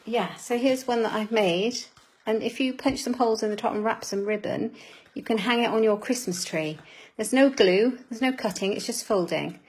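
A woman's voice: a little high, moderate pace, darkish tone, breathy edge, poor audio. A woman giving a live craft demonstration, chatting with viewers as she works and laughing at her own fumbles. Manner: chatty, greets viewers by name.

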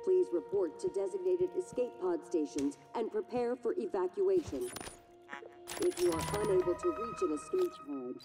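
A woman voicing a female station announcer, giving evacuation orders as a ship tannoy announcement in a calm, formal, measured way over the loudspeaker. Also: lowish voice. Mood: urgent formal. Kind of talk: video game voice acting. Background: game music.

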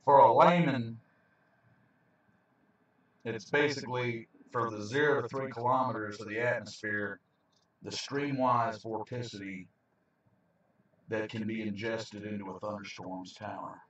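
A man's voice: fairly low pitch, fairly even intonation, measured pace, long pauses, a bit bright. A man who chases storms, explaining weather radar to viewers in an informal video, recorded on a handheld camera. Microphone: handheld camera, away from the mouth. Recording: roomy, dull, distant handheld camera mic.

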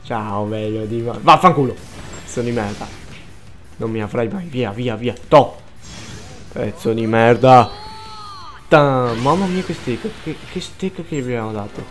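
A young man commentating his gameplay, swearing often, muttering and then bursting into frantic shouts. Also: medium pitch, moderate pace, soft background music. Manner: swears a lot, frantic outbursts, mutters under breath. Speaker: gaming let's player.

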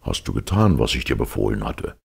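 A man voicing a stern, commanding king in a storybook reading, speaking lower and slower than his narration. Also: sing-song, vocal fry, breathy edge, full character voice.

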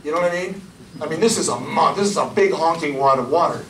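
A man in his forties giving a loud, energetic public science lecture to a room of listeners. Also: fairly high pitch, fast talker, slight background noise. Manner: loud, energetic, gestures and points at slides. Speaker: county hydrogeologist giving a public talk. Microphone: lapel mic, filmed from the room. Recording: echoey room, voice from far off.

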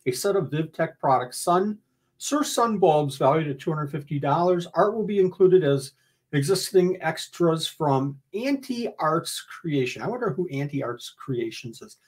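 Casting: older male livestream host, husky and a little high, chatty and joking while reading out giveaway gifts. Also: lively intonation, normal speed. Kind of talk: casual giveaway announcement, reading out gift list. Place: indoor room, livestream.

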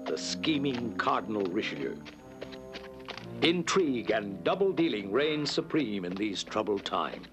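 A man narrating a cartoon in a measured, dramatic storybook way. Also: lowish voice, big pitch swings, over music.

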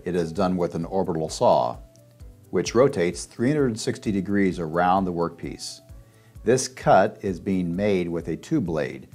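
A man giving steady, step-by-step scripted narration over a demonstration video. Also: deep voice. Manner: steady instructional step-by-step delivery.

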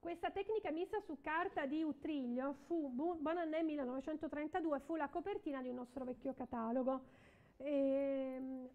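A woman's voice: sits high, phone-quality sound. A middle-aged woman working as an auctioneer at a live art auction, calling lots and repeating bids and counts in short phrases. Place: indoor auction room, at a podium.

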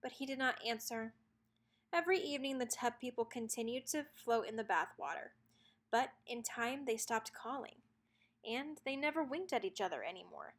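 A woman reads a children's storybook aloud with plenty of expression. Her voice sits a little high, and she keeps a moderate pace.

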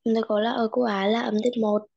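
A woman's voice: a little high, flat delivery, fast talker, creaky, darkish tone, highs cut off. A female student answering her teacher's questions in short, hesitant replies.

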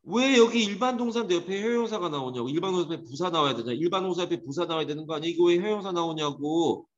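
A man teaching an English grammar lesson to a class, lively and teasing, scolding students. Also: a little high, very fast. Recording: dull echoey classroom recording.

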